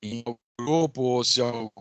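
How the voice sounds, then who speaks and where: A man's voice: mid-range voice, a little fast, a bit bright, dry recording, dull audio, soft background music. A man speaking as an eager, emphatic guest on a video call while his audio breaks up and cuts out. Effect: choppy, breaking-up video call audio. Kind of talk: casual video call chat.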